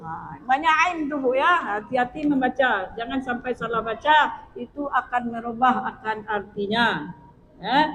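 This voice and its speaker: Woman, recitation teacher, slow and patient, chanted verses, long reverb, faint ambience. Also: on the high side, expressive, noisy background. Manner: corrects mistakes patiently, addresses listeners as "Bu". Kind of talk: tajwid lesson with sung recitation.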